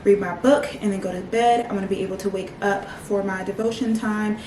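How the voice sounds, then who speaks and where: A woman's voice: mid-range voice, fairly even intonation, brisk, a little mellow, roomy sound, slight background noise. A young woman in her twenties chatting casually to camera for her vlog, leaning on lots of "like" fillers. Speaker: vlogger. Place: home.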